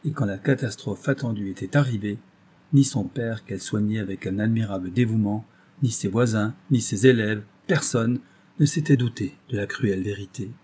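A man reading a story aloud in measured scripted narration. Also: on the low side, dark tone, husky.

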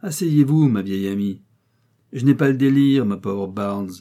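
A testy old gentleman of wealth barks orders and loses patience quickly, as a man reads him aloud. The voice stays dark and mellow, in the manner of a storybook reading. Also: mid-range voice, lively intonation, natural voice. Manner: commanding and impatient. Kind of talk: audiobook character reading.

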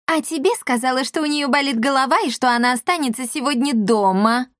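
A woman's voice: sits high, fairly quick, fairly bright tone, dry recording, clean studio sound, voice pushed up. A woman voicing a sly, mocking young witch girl.

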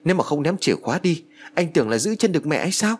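A man's voice: fairly high pitch, very animated, fast, pitched above the performer's own voice. A man voicing an urgent, fearful young woman in a spoken ghost story, talking insistently. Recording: music bed under voice.

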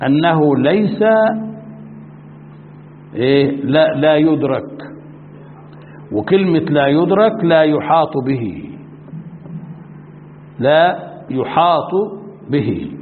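A man with an Egyptian Arabic accent, a sheikh teaching a religious class, who keeps quizzing his students and stretches out key words slowly for emphasis. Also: on the high side. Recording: tinny lo-fi recording in a reverberant hall with faint noise.

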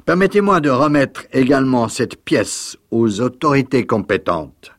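A man's voice: mid-range voice, very animated, unhurried, no echo, studio quality, voice pushed up. A man voicing a sly, smug male servant who speaks in a raised, insistent way, in a read-aloud story.

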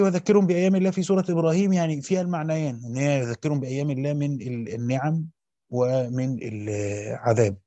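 Guy reading a commentary text real fast, short side comments, dull dry lo-fi recording. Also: mid-range voice, warm tone, no room sound. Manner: reads quickly, breaks in with short colloquial asides. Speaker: teacher of Quranic exegesis. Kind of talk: rapid reading of a classical text with brief explanations.

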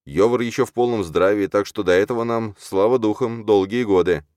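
A man's voice: lowish voice, a little fast, a little mellow, smooth, dry recording, studio quality, voice pushed up, close to an everyday voice. A man doing a proud young sorcerer. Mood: firm. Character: young male sorcerer, proud and quick-tempered. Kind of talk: audiobook character voice.

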